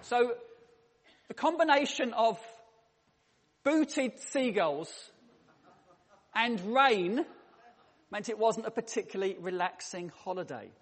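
With a voice that sits high, lively intonation, a slow pace and frequent pauses, a man delivers a church sermon. He spins humorous anecdotes with a dry touch, and the hall adds long reverb.

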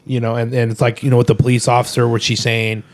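A man's voice: medium pitch, completely flat delivery, fast. Rambling man saying "you know" a lot. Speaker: podcast co-host. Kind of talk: casual movie discussion.

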